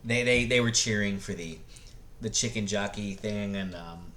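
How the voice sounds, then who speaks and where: With a voice on the low side and a fairly bright tone, a middle-aged movie review vlogger shares casual, rambling opinions. He's blunt and sweary, and his delivery halts with frequent false starts as he begins again.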